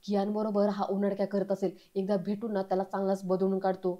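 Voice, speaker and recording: A woman reading the lines of a strict, scolding grandfather over 60, in a mellow, level voice. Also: mid-range voice, monotone, fast talker, dull audio, close to an everyday voice. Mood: stern. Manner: stern, scolding. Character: strict elderly grandfather, disciplined.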